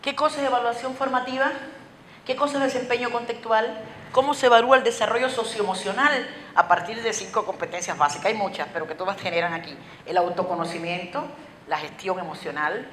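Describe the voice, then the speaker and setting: Woman, Cuban accent, rapid-fire lecture, rhetorical questions, echoey hall, faint background noise. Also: medium pitch. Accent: Cuban Spanish. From Cuba. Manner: very fast-talking, lively and rhetorical, with many questions. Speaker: conference speaker. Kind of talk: lecture to teachers. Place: school auditorium.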